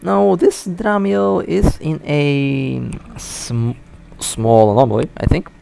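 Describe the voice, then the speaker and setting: A man with a gravelly, creaky voice gives loose live commentary over a space game. He has the hiccups, and his chatty narration keeps catching and restarting mid-word. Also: a little high, steady tone, takes it slowly, mellow. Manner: casual, chatty, self-correcting. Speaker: mobile space game player.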